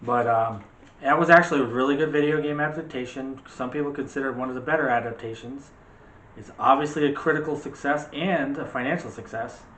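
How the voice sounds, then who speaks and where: Recorded in an echoey room with a little background noise, this movie-show co-host rambles and argues his opinions conversationally. He talks a little fast in a mid-range voice that is a bit bright.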